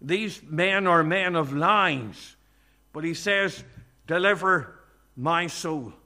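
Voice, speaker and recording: A man preaching a sermon at a church meeting, earnest and measured, often quoting scripture. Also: a little high, lively intonation, sharp tone.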